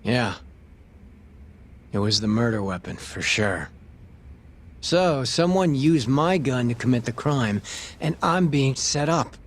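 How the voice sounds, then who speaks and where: In an English video game dub, an actor voices a shady, sarcastic police detective who is streetwise and foul-mouthed. The mid-range delivery is expressive, slow and full of pauses, sounding matter-of-fact and irritated, with slight background noise.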